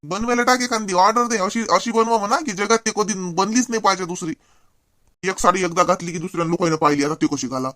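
A man playing an exasperated young husband with a Varhadi Marathi accent in a cartoon, scolding and quick. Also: high voice, bright, forceful tone, dry recording, studio quality.

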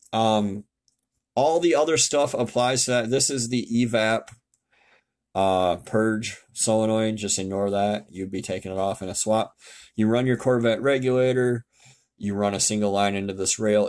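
A man's voice: fairly low pitch, fairly even intonation, normal speed, darkish tone. A man giving a casual, blunt tutorial over a screen share, swearing now and then and correcting himself as he goes. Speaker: car tech YouTuber explaining fuel systems. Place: home, indoors.

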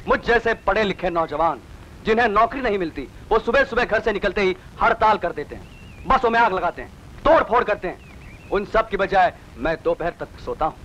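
A man's voice: high voice, animated, moderate pace, a bit bright, highs cut off, a little hiss or hum. An actor playing a cheeky, defiant unemployed young man in a dubbed film, swinging from angry speeches to teasing banter. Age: young adult. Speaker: lead in a dubbed action film. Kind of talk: Hindi film dub acting.

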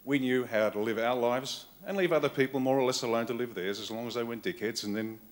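A man's voice: mid-range voice, fast talker. An Australian man giving a political keynote speech at a conference, blunt and wry in short punchy phrases. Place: conference hall with live audience.

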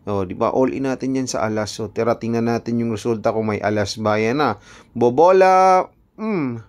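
A man's voice: on the low side, brisk. A man vlogging casually at an outdoor night carnival, joking about himself and laughing often, recorded on a phone camera. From Philippines. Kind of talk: casual vlog narration.

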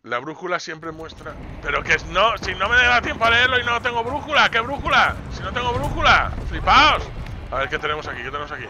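A man commentating his own gameplay, shouting and repeating words in bursts. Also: high voice, animated, a little fast, noisy background. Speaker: gaming YouTuber. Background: game music and gunfire.

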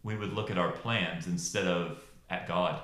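A man preaching a sermon, telling scripture stories with dramatic pauses and rising emphasis. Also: sits low, reverberant. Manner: expressive storytelling with dramatic pauses.

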